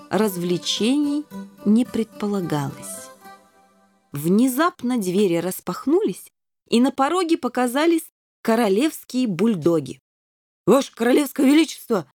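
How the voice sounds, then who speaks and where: Slow, expressive woman narrating a storybook. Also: on the high side. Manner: measured, expressive. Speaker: audiobook narrator.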